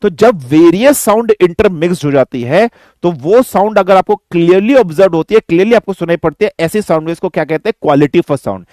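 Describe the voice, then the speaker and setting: High-voiced Indian man teaching physics. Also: expressive, brisk, darkish tone, no echo, studio quality. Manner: addresses students as beta, asks and answers own questions. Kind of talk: classroom lecture.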